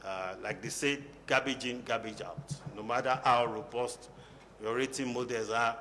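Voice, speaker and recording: A man moderating a conference panel, speaking haltingly and often repeating words. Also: mid-range voice, fairly even intonation, sharp tone. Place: conference hall. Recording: echoey conference hall, faint noise.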